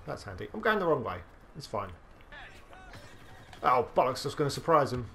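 Excitable, swearing gamer man. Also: mid-range voice, slight background noise. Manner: excitable, swears freely, talks to himself. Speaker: gaming video host. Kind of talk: live gameplay commentary.

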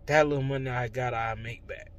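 A man's voice: mid-range voice, fairly even intonation, a little fast. A young man, talking in a casual, emotional, rambling vlog. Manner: emotional, heartfelt, slangy and rambling. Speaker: vlogger. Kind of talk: casual vlog talk to camera.

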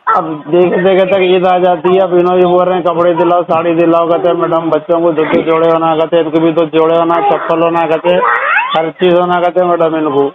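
A man from Hyderabad Old City, India, with a Hyderabadi accent, is a called customer rambling through exasperated, repetitive complaints on the phone. His voice is fairly high, monotone and quick. The narrowband call recording is noisy.

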